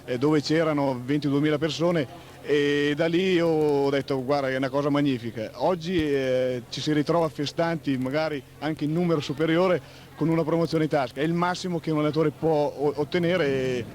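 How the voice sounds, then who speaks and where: A man, a football coach in a radio interview, speaking haltingly in formal, roundabout wording. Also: on the high side, steady tone, a little mellow. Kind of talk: post-match radio interview. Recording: 1980s radio recording.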